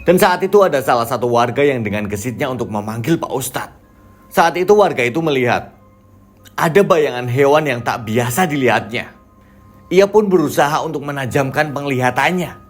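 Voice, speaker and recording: A man narrating a scripted horror folk tale in a steady, measured manner. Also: mid-range voice, soft background music.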